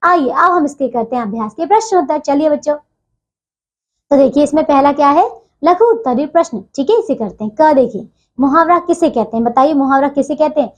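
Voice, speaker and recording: A woman's voice: high-pitched, expressive, brisk, lo-fi sound. A woman teacher explaining a textbook lesson to children, patiently repeating phrases and checking in often.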